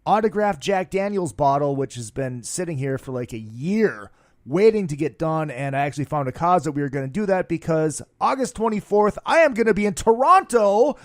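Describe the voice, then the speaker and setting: A man's voice: on the high side, animated, moderate pace, dry recording. A hungover man hosting a rock podcast in a studio, rambling through casual plugs in a brash, profane, slangy showman's way. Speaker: podcast host.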